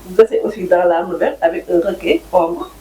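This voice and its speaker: A man's voice: sits high, animated, fairly quick, warm tone, reverberant, rough recording. A man hosting an online interview who speaks formally, listing book titles and dates before asking his questions. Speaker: interview host.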